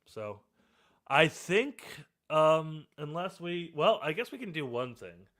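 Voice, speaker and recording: A podcast host with a slightly high voice talks slowly through an after-show. He's relaxed and casual, rambling along with lots of fillers.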